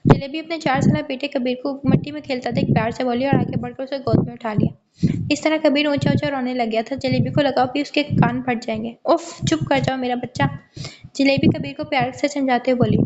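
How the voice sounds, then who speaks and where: A woman narrating an audio novel in a steady storytelling manner, voicing every character. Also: sits high, fairly quick, lo-fi sound. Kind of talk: scripted narration.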